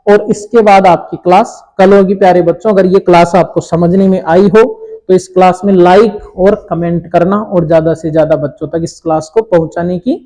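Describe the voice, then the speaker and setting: A man teaching an English grammar lesson to children, explaining slowly and checking in often. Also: sits high, steady tone, dark tone, rough recording.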